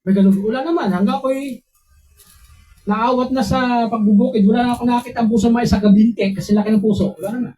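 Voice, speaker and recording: A male pastor delivers a sermon built around his own memories. He tells them in an animated way, acts out what others said, and turns to his listeners with questions. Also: extremely high pitch, fast talker, rough recording. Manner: animated storytelling, voices quotes, asks listeners questions. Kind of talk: preaching sermon with personal stories.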